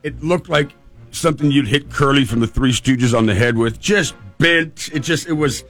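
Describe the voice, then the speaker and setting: A male radio host with a mid-pitched voice tells a casual, humorous story. He rambles and repeats phrases for emphasis, with faint music underneath. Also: moderate pace, fairly bright tone.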